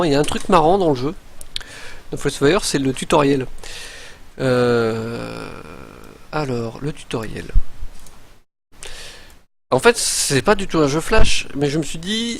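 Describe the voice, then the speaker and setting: A man's voice: a little high, slight background noise. A man chatting casually on a live stream, rambling and hesitant as he talks about games.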